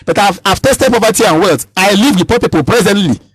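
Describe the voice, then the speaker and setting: A Nigerian man in his thirties talks at a rapid clip, pressing his points hard and circling back over his own words. His voice sits high and has a slightly husky grain, recorded close and dry on a radio mic. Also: dry recording, faint music behind, rough recording. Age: 30s. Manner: emphatic, repeats and restarts phrases. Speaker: political candidate. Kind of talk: radio interview.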